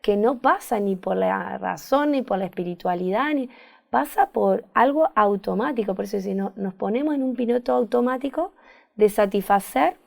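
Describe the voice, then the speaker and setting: A woman's voice: medium pitch, normal speed, gravelly, darkish tone. A woman therapist with a Rioplatense Spanish accent, speaking thoughtfully in an interview and often searching for words and repeating phrases. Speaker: therapist guest. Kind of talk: reflective conversational interview.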